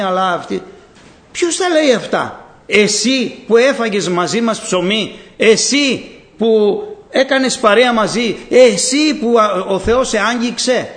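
A high-pitched man delivers a sermon with fervent, insistent repetition. His loudness swings from hushed asides to emphatic calls. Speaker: preacher.

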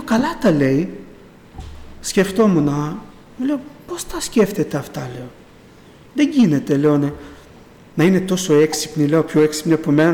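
A middle-aged man whose mellow voice sits high gives a wandering testimony of his faith at church. He retells it with "I say" repeated over and over, and long reverb rings through the echoey hall.

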